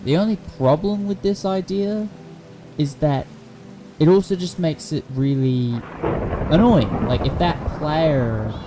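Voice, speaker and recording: A young man casually commenting on his live game stream, rambling and thinking aloud with excitable bursts. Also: mid-range voice, a little hiss or hum, poor audio.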